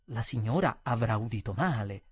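A man reading aloud voices a sly young waiter who plays innocent in a low, mild tone. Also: animated, moderate pace, breathy edge, dry recording. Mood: feigned innocence.

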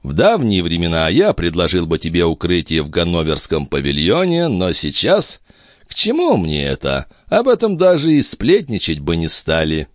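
A man's voice: low-pitched, wildly swooping pitch, normal speed, dry recording, studio quality. A man doing a wry old duke. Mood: ironic. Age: older. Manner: ironic, condescending. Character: old sardonic male duke, worldly and teasing.

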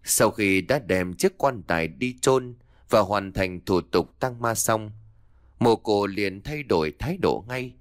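A man narrates a dark story with an expressive, dramatic delivery. His voice sits low and moves a lot in pitch. The recording is dry and close. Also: slow pace, no echo. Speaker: audiobook narrator.

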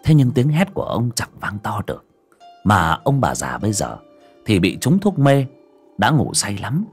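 A man's voice: wildly swooping pitch, moderate pace, slightly rough, faint music behind. A man narrating a horror audiobook with dramatic, suspenseful delivery. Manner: dramatic, swinging pitch for suspense. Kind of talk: scripted horror story narration.

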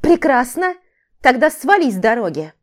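A woman voicing a furious young ex-wife in an audiobook, snapping back with indignant, sharp retorts. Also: high voice, very animated, moderate pace, pitched above the performer's own voice. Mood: angry.

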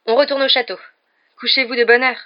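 A woman reading the part of an eager teenage boy team captain, calling out loudly in a storybook. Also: a little high, steady tone, fairly quick, pitched above the performer's own voice, lightly acted. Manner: shouting, urgent. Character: loud eager male teen quidditch captain. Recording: dull lo-fi recording.

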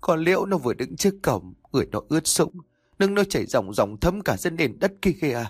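A man's voice: on the high side, very animated, brisk, husky, no room sound, studio quality, pitched above the performer's own voice. A man voicing a distraught older village mother who is weeping and pleading, in a narrated story. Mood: insistent. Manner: wailing, pleading.

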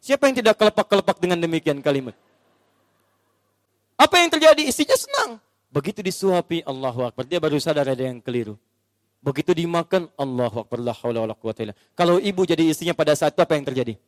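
High-voiced male preacher telling stories. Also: lively intonation, quick pace, no echo, big-room sound. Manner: storytelling, acts out scenes and quizzes the audience. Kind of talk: sermon.

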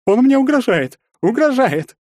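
A man voicing an arrogant young male aristocrat who bullies and taunts, hissing and mocking, rising to a shrill pitch when outraged. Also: sing-song, measured pace, darkish tone, dry recording, clean studio sound, heavily acted. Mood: shrill outrage.

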